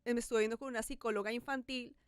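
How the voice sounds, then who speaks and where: A woman's voice: fairly high pitch, fairly even intonation, fast talker, clear, resonant tone, dry recording, clean studio sound. A woman hosting a podcast, talking candidly and with animation about her own life. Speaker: podcast host. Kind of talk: casual podcast conversation.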